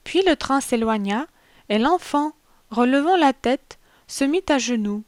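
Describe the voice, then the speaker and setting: Calm woman reading a storybook tale. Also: high-pitched, unhurried, no room sound, clean studio sound. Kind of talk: storybook narration.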